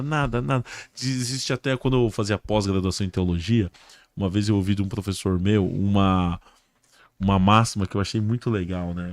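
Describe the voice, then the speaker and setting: A man's voice: lowish voice, darkish tone, no echo. A man with a Brazilian Portuguese accent, a pastor and guest on a casual religious podcast, who tells stories and acts out the dialogue in a raised voice.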